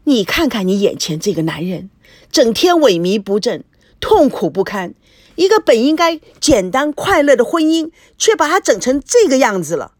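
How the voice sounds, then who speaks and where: A sharp-tongued young woman, voiced by a woman, answers back in an audio novel, indignant and mocking. Her pitch moves freely and the sound is close and dry. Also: very animated, normal speed, dry recording.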